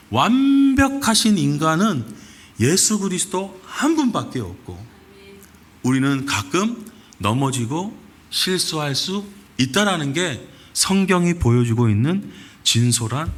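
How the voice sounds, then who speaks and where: A male pastor preaching a sermon in animated storytelling, acting out quoted lines. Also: mid-range voice, unhurried, breathy edge. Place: church sanctuary.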